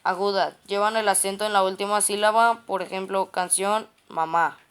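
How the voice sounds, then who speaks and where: Woman, clear smooth voice, reads grammar notes aloud term by term, stumbles and restarts often. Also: medium pitch, fairly even intonation, moderate pace, a bit bright. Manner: reads a list of terms and definitions, with frequent restarts on words.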